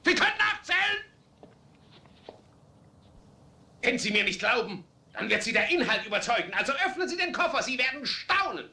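A man dubbing a hot-tempered, middle-aged rich father in a German film, ranting in shrill, theatrical outbursts. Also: pushed and bright, full character voice. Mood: coaxing. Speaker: dubbed film actor.

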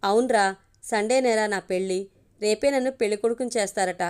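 A woman's voice: mid-range voice, brisk, a little mellow, clear, resonant tone, natural voice. Woman voicing a fretful young groom. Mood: anxious. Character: anxious young groom, pleading with his best friend.

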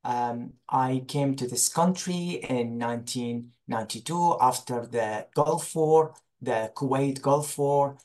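An Iraqi man in his forties, a religious teacher with an Iraqi accent, speaks informally as a guest on a video call interview from a small indoor room. His mid-range, darkish voice moves slowly with few pauses, and he often searches for words.

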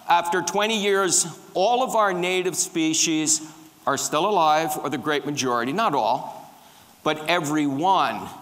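A man's voice: a little high, a bit bright. A middle-aged man giving a conference lecture with slides, quizzing the audience as he goes. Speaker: conference speaker on tree pests. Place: large dark conference hall with a stage. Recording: reverberant conference hall.

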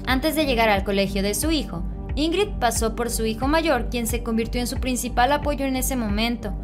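A woman narrating celebrity news as a scripted voice-over, with a brisk, upbeat delivery. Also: fairly high pitch, music in the background. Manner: brisk, upbeat channel sign-off.

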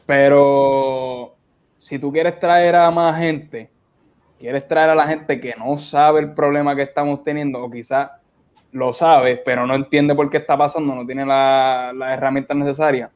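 A young adult from Puerto Rico, speaking with a Puerto Rican accent, chats in an unhurried, informal and colloquial way as the guest of a casual video call interview held from an indoor room. He's a beach cleanup organizer with a steady, mid-range voice, and the audio is dull and lo-fi.

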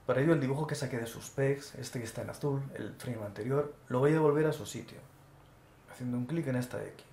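A man calmly talking through each step as he draws, narrating an animation tutorial. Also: medium pitch, fast, vocal fry. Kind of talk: screen-recorded drawing tutorial. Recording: echoey room with faint noise.

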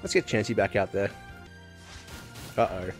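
A man hosting his own gaming channel, chatting casually over gameplay with lots of swearing. His voice is lively and leaps up in pitch when something happens. Faint music plays under him. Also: moderate pace. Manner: profane, excitable, swings to loud outbursts. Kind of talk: casual let's play commentary.

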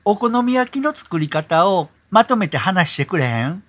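Higher-voiced Kansai man explaining an app. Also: moderate pace. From Kansai, Japan. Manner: relaxed, explanatory. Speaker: YouTube host explaining an app. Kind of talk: tutorial explanation.

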